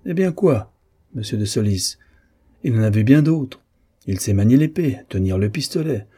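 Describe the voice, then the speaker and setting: A man's voice: medium pitch, animated, normal speed, dark tone, slightly rough. A man reading the part of a teasing, indulgent older male doctor in a novel.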